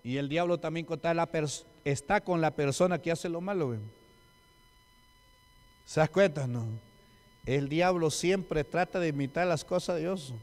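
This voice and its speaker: A deacon from Peru gives an emphatic sermon, his fairly high voice unhurried. He peppers the congregation with rhetorical questions, and the church hall adds long reverb to the sound.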